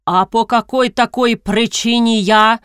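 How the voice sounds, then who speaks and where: Brief: brash mocking man, read by a woman; loud, sneering comebacks, storybook, close and dry. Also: on the high side, fairly even intonation, a little slow, clear, resonant tone, no echo, voice pushed up. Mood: scornful. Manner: jeering, scornful and loud. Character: brash, mocking male guest, sly trader.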